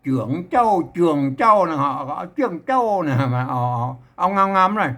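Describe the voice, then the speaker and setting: A man with a Northern Thai accent leads a lesson on traditional verse. He chants each line in a raised, sing-song voice. Between lines he drops into low, easy explanation, and his pitch swings a great deal. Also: very animated, normal speed, bright, forceful tone. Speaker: teacher.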